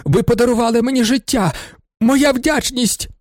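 A man voicing an overwrought, theatrical male swindler who talks in a high, agitated, melodramatic way in a storybook reading. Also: animated, moderate pace, dark tone, no echo, clean studio sound. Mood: pleading.

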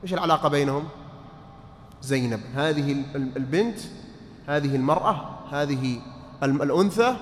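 A man teaching a mosque lesson on inheritance law, quizzing his students, repeating points and checking that they follow. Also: fairly high pitch. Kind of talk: mosque study-circle lesson. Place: large mosque hall. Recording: reverberant mosque hall, faint noise.

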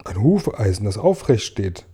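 Guy reading a brave curious boy, earnest, mellow dark voice. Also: fairly low pitch, big pitch swings, moderate pace, husky, exaggerated voice.

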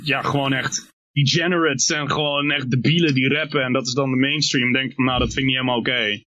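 A man's voice: medium pitch, steady tone, a little fast, sharp tone, dry recording. A man being interviewed as a rapper guest, chatting casually and loosely with lots of fillers. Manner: easygoing, loose, with frequent fillers.

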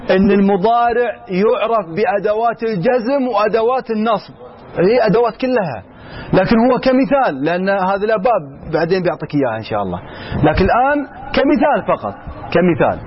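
A man teaching Arabic grammar to a class, asking questions and answering them himself, switching between colloquial and formal Arabic. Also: sits high. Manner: reads the text slowly, then explains it in plain words. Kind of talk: classroom lesson. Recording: slightly dull, with faint room noise.

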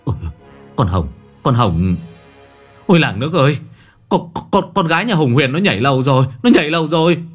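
A man voicing a panicked middle-aged father who shouts the alarm frantically. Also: on the high side, sing-song, fairly quick, pauses often, soft background music, voice pushed up.

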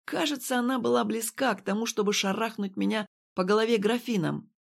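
A woman's voice: a little high, brisk, creaky. Woman reading an audiobook. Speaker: audiobook reader. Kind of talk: scripted narration.

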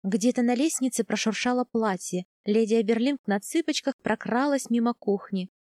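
A woman narrating a first-person audiobook in a calm, even storytelling manner. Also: on the high side, moderate pace, no echo, clean studio sound.

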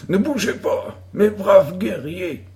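A man's voice: high voice, expressive, slow, mellow, voice pushed up, exaggerated voice. Man doing a bossy boy playing outlaw hero. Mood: commanding. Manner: theatrical, commanding.

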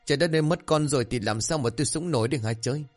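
A man's voice: mid-range voice, fairly even intonation, a little fast, a little mellow, faint music behind, pitched above the performer's own voice, lightly acted. A man voicing a frantic, grieving village wife who wails as she speaks. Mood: wailing. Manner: wailing, frantic.

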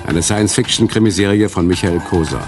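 A man's voice: deep voice, a little fast, music in the background. A man announcing the title of a radio drama series in a scripted style.

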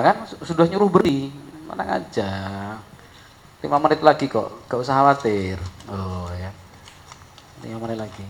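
Man, sermon, animated, acts out characters. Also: low-quality recording. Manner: animated storytelling, acting out an angry father in high shouts. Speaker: preacher.

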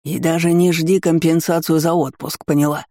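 A man voicing a crude, irritable middle-aged pub owner who lisps and scolds slowly. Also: fairly high pitch, level tone, mellow, lightly acted. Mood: scornful. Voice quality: lisping. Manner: slow, drawn-out scolding.

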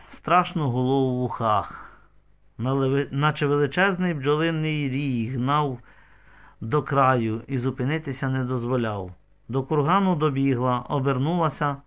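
A man's voice: medium pitch, measured pace, fairly bright tone. A man narrating an audiobook with intense storytelling.

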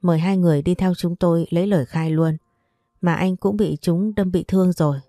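A woman voicing a brisk, commanding male police officer in a storybook. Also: on the low side, fairly even intonation, mellow, no room sound, studio quality, faint music behind, natural voice.

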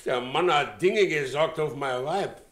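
A brooding carter. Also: male voice, a little high, fairly bright tone. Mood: brooding, threatening. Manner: slow, heavy speech breaking into roaring. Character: stolid middle-aged male carter, brooding then explosive. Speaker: carter Henschel. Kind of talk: 1960s radio play acting.

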